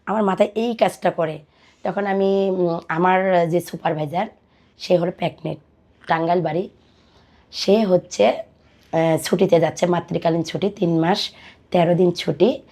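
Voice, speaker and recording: A Bangladeshi woman in her twenties, originally from Dinajpur, talks at an unhurried pace with long pauses. Her pitch is fairly low, her intonation fairly even, and her tone darkish. On a podcast, she conversationally recounts her life and the words people said to her, with music beneath the recording.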